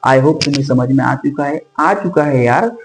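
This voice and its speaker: A man's voice: medium pitch, normal speed, echoey room, faint music behind, rough recording. A man teaching physics at a whiteboard, who asks questions and answers them himself and calls his students kids. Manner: addresses students fondly as kids. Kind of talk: classroom whiteboard lecture. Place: classroom with a whiteboard.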